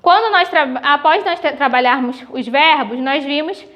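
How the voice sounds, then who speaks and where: A woman teacher with a Brazilian accent giving a recorded grade-school lesson, patiently spelling out sounds slowly. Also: sits high, lo-fi sound. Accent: Brazilian Portuguese.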